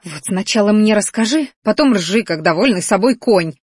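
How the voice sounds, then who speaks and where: A flustered, quick-tempered young sorceress from a fantasy audiobook, voiced by a woman reader. She is pitched clearly higher and brighter than the narration and fires off indignant, snappish retorts. The recording is dry and close. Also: expressive, dry recording. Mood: angry. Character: young female mage, flustered and hot-tempered.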